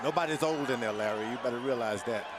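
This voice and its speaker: A man's voice: mid-range voice, quick pace. A man giving live color commentary on boxing in blunt, short, instructive phrases. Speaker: boxing analyst. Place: ringside in arena, crowd behind. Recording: loud crowd noise at ringside.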